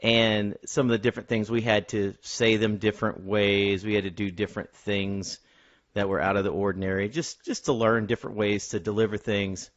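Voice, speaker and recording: Male podcast host, lower-pitched middle range, halting casual movie talk, slightly lo-fi recording. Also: fairly even intonation. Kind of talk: casual film discussion with a co-host. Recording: dull, lo-fi sound.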